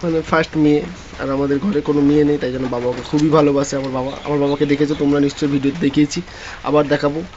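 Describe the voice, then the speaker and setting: A man's voice: on the high side, level tone, racing, darkish tone. Chatty man vlogging on a phone. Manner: chatty, rambling with many restarts. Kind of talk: casual home vlog. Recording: dull lo-fi phone audio with faint noise.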